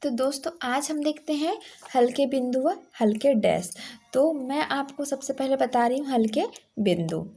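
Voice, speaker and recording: A woman teaching shorthand in a patient, step-by-step way, often pausing to check that her students are following. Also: sits high, lively intonation, warm tone, slightly rough. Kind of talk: classroom-style tutorial.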